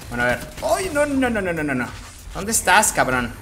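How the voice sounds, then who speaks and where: A man with a Mexican Spanish accent calls his own gameplay live, joking, swearing and bursting out in excited yelps. His voice is bright and forceful, and its pitch swings widely. Faint game music plays behind him. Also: moderate pace. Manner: excitable, profane, jokey, with sudden outbursts. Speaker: gaming streamer.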